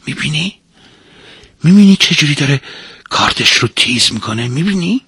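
A man voicing a clever, scheming young female servant with shrill cries and hushed warnings. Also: lively intonation, creaky, breathy edge, no echo, exaggerated voice. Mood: urgent.

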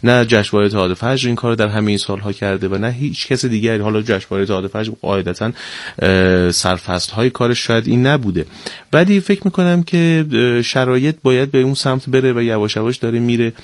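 A man speaking as a guest on a studio interview, in a measured, deliberate way. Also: mid-range voice, dry recording. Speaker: guest, theater director.

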